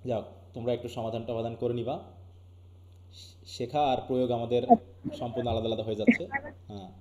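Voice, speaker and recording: Fast-talking Bangladeshi teacher, echoey room. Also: male voice, mid-range voice, flat delivery, mellow. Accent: Bangladeshi Bengali. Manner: keeps asking students questions. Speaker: English teacher. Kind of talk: live online class lecture.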